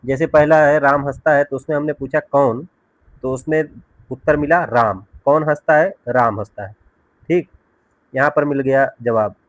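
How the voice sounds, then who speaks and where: Man, grammar teacher, step-by-step explanations, mid-pitched voice, dry lo-fi recording. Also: normal speed, dry recording. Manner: explains step by step, often checks with "ठीक है". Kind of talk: grammar lesson explaining with examples.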